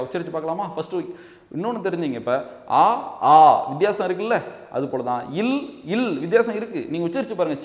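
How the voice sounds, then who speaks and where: A man with a Tamil Nadu accent teaching an exam-prep grammar lesson. He explains step by step, often checks that students follow, and sounds out letters slowly for them to repeat. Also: sits high, a little mellow. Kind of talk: classroom-style lesson. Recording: echoey room with long reverb.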